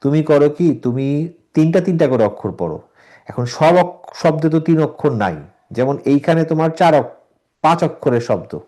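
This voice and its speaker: A man teaching Quran reading online, with a mellow voice. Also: on the high side, expressive. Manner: patient, explains step by step, demonstrates recitation slowly. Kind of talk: online tajweed class, correcting students.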